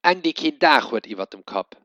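A man voicing a gruff, grumbling father who dislikes cats, speaking slowly and emphatically. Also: fairly high pitch, very animated, bright, forceful tone, dry recording, pitched above the performer's own voice. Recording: dull dry lo-fi recording.

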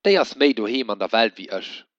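A man plays a gruff storybook father who grumbles about a stray cat, slow and emphatic. His voice rises and falls in lively swings. The recording is dull and dry. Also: medium pitch, no echo, natural voice. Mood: grumbling.

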